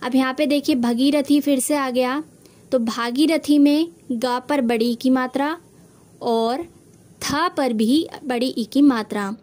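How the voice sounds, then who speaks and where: A woman with a high-pitched voice teaches a Hindi spelling lesson. She explains each word patiently and step by step, talking to her students as children. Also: steady tone, slow pace, a little mellow.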